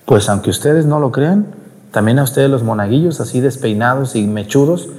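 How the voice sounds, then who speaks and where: A priest with a Mexican accent preaching a homily at Mass, talkative and scolding, firing rhetorical questions at the congregation. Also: male voice, medium pitch, lively intonation, moderate pace, darkish tone. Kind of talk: Sunday-style homily at Mass. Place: church during Mass. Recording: long church reverb.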